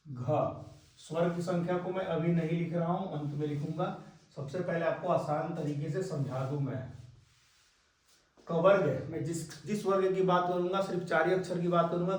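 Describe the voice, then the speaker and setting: A man's voice: a little high, recorded from a distance. A man teaching a step-by-step lesson, often repeating points and checking that his students follow. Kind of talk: classroom lesson. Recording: very echoey room, voice off-mic.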